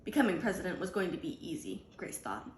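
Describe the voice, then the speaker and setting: A woman reading a children's picture book aloud in an animated, deliberate storytelling manner. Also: lowish voice, roomy sound. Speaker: storybook reader.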